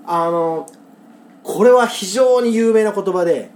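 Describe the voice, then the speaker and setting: A woman's voice: mid-range voice, slow, darkish tone, slight background noise. A woman from Kagoshima hosting a podcast, reading out listener poems and explaining local dialect words, laughing often. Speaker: podcast host. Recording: roomy echo.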